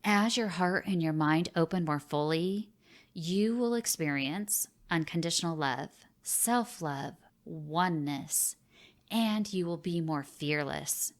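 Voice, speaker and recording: A woman teaches a spiritual self-help lesson, speaking slowly and earnestly and emphasizing important phrases like a teacher. Her voice sits on the lower side.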